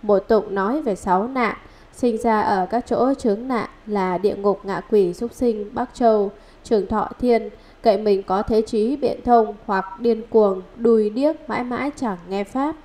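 A woman reading a Buddhist scripture commentary aloud in a measured, steady recitation, listing numbered points. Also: medium pitch.

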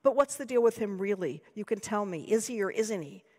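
A woman's voice: medium pitch, expressive, brisk, a little mellow, lightly acted. An American woman reading aloud voices an awkward, nervous young boy who talks in a hesitant, fumbling way. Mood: prying. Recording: long hall reverb.

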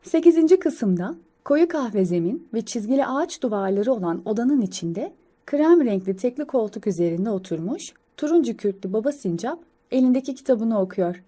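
Woman doing audio description for a kids comic, bit high voice, slow careful reading. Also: animated, warm tone.

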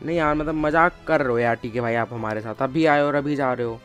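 A man streaming a mobile game live, chatting with viewers and calling out to teammates, with bursts of excited shouting. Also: medium pitch, fast talker, soft background music. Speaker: gaming streamer. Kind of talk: casual live game commentary.

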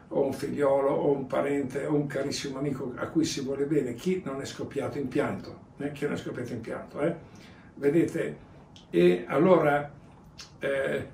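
A man's voice: a little high, creaky, darkish tone. Male priest, homily, repetitive and conversational, reverberant church, distant mic with faint room hiss. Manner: rambling, repeats phrases, tags lines with "eh?" and "vedete". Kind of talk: sermon.

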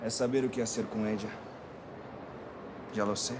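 An actor with a Brazilian accent playing a reserved writer who answers briefly. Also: male voice, lowish voice, fairly even intonation, moderate pace, background noise, close to an everyday voice. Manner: terse, reserved. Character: reserved middle-aged male writer. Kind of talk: film dialogue.

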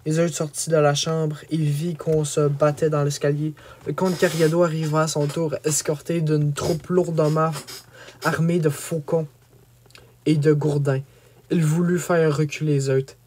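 A man reading a chapter of a medieval romance aloud as an audiobook, with expressive storytelling. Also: on the high side, measured pace, husky. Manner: expressive, rising on action. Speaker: audiobook reader. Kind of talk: dramatic storybook narration.

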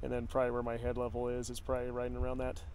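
This is a rough recording with a little hiss or hum, featuring a middle-aged man whose medium-pitched voice races along. He's an outdoor vlogger chatting and telling laid-back stories inside a small tent at night for a camping vlog. He's captured by a tripod camera and later by a phone held close at arm's length.

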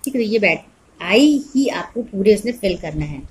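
A woman's voice: medium pitch, expressive, a little mellow, a little hiss or hum. A woman teacher giving an online phonics lesson to small children, spelling words out letter by letter and answering her own questions. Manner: spells words letter by letter, then says them slowly; asks questions and answers them herself.

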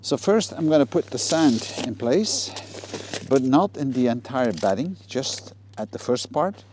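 A man's voice: medium pitch, big pitch swings, a little slow. Middle-aged man, DIY vlogger, casual hands-on narration outdoors, faint noise behind. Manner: plain, practical, explains as he works with frequent ums and uhs. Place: outdoors in a garden yard.

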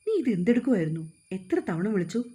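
Narrator voicing domineering young husband, storybook reading, very mellow dark tone. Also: female voice, medium pitch, expressive, quick pace, close to an everyday voice. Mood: stern. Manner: commanding, slurring tease. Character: young husband, teasing then drunk and domineering.

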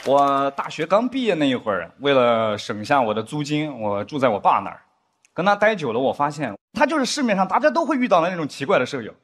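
On a theater stage before a live audience, a man performs stand-up, telling stories quickly and acting out drama scenes in a lowered voice. He is a lively storyteller, and the crowd's laughter and noise fill the recording.

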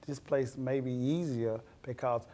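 A man's voice: medium pitch, steady tone, unhurried, dark tone. A middle-aged man, a police officer guest on a TV studio interview, speaking on a lapel mic in an earnest, folksy, plain-spoken way. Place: TV studio set.

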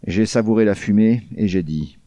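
Deadpan man reading a crime novel. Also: lowish voice, moderate pace, no echo. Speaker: audiobook reader. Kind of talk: scripted first-person crime narration.

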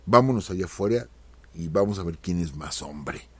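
A man's voice: low-pitched, animated, normal speed, a little mellow, breathy edge, no echo. A man quoting a drunk, belligerent American gambler who picks a fight in a brash way.

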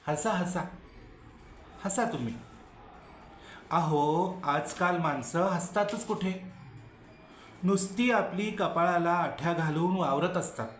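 A man's voice: a little high, takes it slowly, long pauses, a little hiss or hum. A man performing a solo stage monologue as a weary, scorned male vulture who pleads with an audience and answers hecklers wryly. Heard in an echoey room with faint music behind. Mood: wry pleading. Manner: pleading, wry, talking back to unseen hecklers. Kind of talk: Marathi solo dramatic monologue.

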